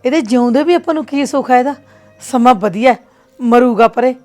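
A woman's voice: on the high side, normal speed, darkish tone, faint music behind, natural voice. An actress with a Punjabi accent playing a mother who speaks scornfully of her husband and scolds her daughter. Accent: Punjabi (Malwa). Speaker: actor in a short film.

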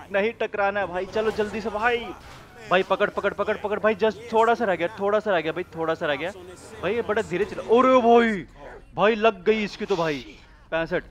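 A young man giving casual gameplay commentary at home, excitable and prone to shouty bursts, swearing playfully and calling everyone bro. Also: high-pitched. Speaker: gaming channel host. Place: home room with a cooler running.

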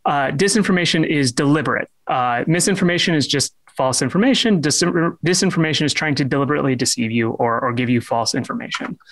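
Chatty man with a slightly high voice. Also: a bit bright. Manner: halting, many fillers and restarts; self-deprecating humor. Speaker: presenter. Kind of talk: casual online presentation.

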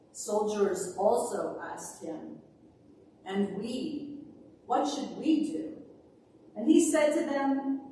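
A middle-aged woman minister reading scripture and preaching at a pulpit in a large church sanctuary, with measured, emphatic phrasing. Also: on the high side, darkish tone, slight background noise. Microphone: far camera, speaking at a pulpit. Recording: echoey church from a distance.

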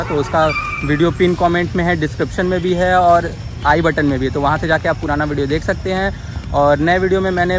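A young man with a Varanasi Hindi accent and a slightly high voice gives a chatty walkthrough vlog, pointing out features of an outdoor sports field in a city. He films himself on a phone camera held at arm's length, with noisy background sound.

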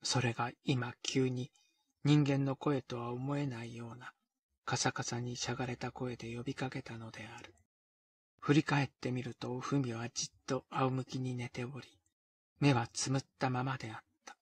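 A man reading a period novel aloud in a measured, deliberate way. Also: medium pitch, flat delivery, breathy edge, no echo. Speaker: narrator. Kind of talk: scripted narration of a period novel.

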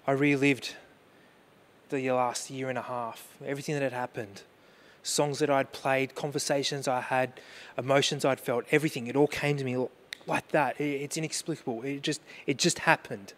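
A man's voice: mid-range voice, fairly even intonation, normal speed, fairly bright tone. Earnest male pastor preaching. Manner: earnest, asks the congregation questions; personal storytelling about grief. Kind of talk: sermon.

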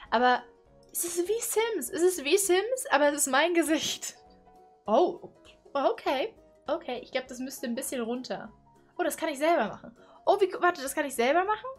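Chatty playful young woman, bit high. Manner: chatty, playful, exclaims and giggles. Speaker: YouTuber. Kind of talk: casual vlog commentary. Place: small bedroom at home. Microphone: studio condenser mic on boom arm.

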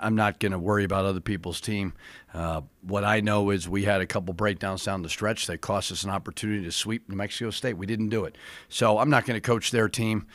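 Middle-aged male coach at a press desk, low voice, close and dry, firm and measured. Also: a bit bright, no echo. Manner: measured, firm, plain-spoken. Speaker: head basketball coach. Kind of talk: postgame press conference answers. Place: press room with sponsor backdrop, indoors. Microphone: desk mic.

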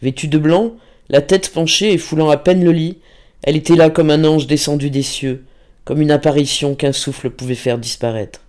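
A man reading a classic novel aloud as an audiobook narrator, measured and expressive. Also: fairly high pitch.

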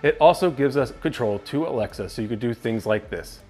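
A man in his thirties, a tech reviewer, gives an upbeat, casual tour of his home's basement rooms, talking to the camera through a clip-on lapel mic as he walks and gestures. His mid-range voice has lively intonation and a slightly mellow quality, and he talks a little fast over soft background music.

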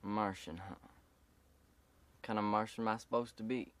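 A man's voice: on the low side, fairly even intonation, measured pace, lightly acted. A young actor playing a laid-back teenage boy who drawls his answers. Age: teens. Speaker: Tim.

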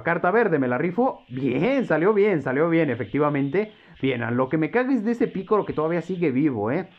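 A man's voice: on the high side, dull audio. A man commentating his own mobile game match, joking and swearing at the opponent. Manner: excitable, swears and jokes at opponent. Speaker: gameplay commentator. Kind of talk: live mobile gameplay commentary.

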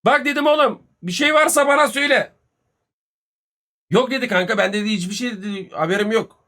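A man, telling a story casually on a live stream, animated and full of swearing and reported speech. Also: high voice, a little fast. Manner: profane, animated retelling with much reported speech.

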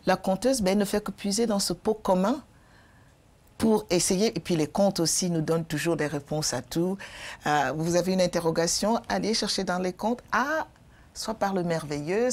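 An older woman, a storyteller invited on a TV talk show, explaining calmly with a lapel mic in the studio. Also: on the low side. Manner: calm, explanatory. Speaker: storyteller guest. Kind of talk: studio interview. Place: TV studio, indoors.

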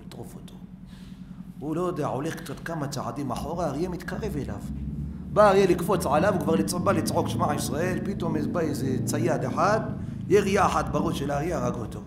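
Dramatic rabbi storyteller in a roomy hall. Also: male voice, medium pitch. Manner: dramatic storyteller, swings between loud cries and hushed asides. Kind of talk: sermon with storytelling. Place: synagogue hall. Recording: roomy synagogue sound with faint noise.

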